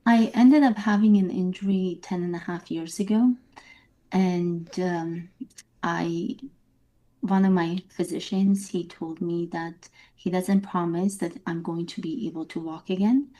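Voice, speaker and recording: A woman from Bosnia, a therapist, answering interview questions thoughtfully with pauses. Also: on the low side, steady tone, mellow. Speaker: therapist guest.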